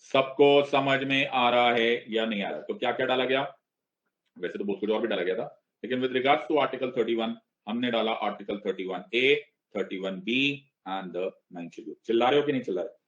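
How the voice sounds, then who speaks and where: A male teacher giving an online exam-prep lecture. He mixes Hindi and English, drills the class with repeated questions, makes playful asides, and slows down to stress each word when reading legal text. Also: mid-range voice, fairly bright tone, lo-fi sound.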